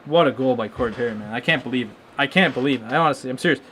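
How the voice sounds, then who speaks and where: A young man hosting a live hockey watchalong, reacting casually and excitedly with lots of restarts and stunned exclamations. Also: medium pitch, racing, slight background noise. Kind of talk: casual live game commentary.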